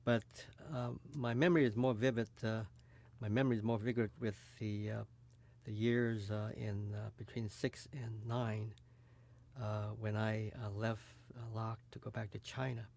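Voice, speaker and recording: A man in his eighties, from California, recalling his childhood for an oral history recording, halting often with fillers. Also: lowish voice, level tone, creaky, darkish tone. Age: 80s. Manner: hesitant, many fillers. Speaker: interviewee. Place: recording booth.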